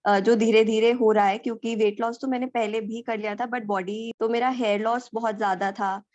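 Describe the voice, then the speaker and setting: A woman's voice: fairly high pitch, steady tone, normal speed, a little mellow, no echo. Young woman participant, earnest and explanatory, dry close sound, slightly dull audio. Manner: earnest, explains at length, Hindi mixed with English. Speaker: participant sharing her results.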